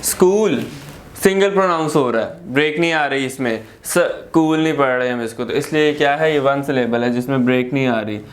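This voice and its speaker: A man with a Pakistani accent teaching a grammar lesson, explaining slowly, repeating words and asking rhetorical questions. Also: mid-range voice, a little hiss or hum.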